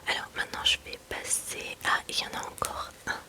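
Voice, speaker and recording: A woman speaking in a soft library whisper as an ASMR host, presenting books in a chatty way and reading passages aloud. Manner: unhurried, chatty delivery mixed with reading aloud.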